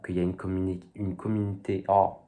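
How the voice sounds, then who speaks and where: A man's voice: low voice, level tone, brisk, dark tone. A young man talking casually to his viewers, rambling and hesitant, full of fillers and youthful slang. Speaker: vlogger. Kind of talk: casual talk to camera.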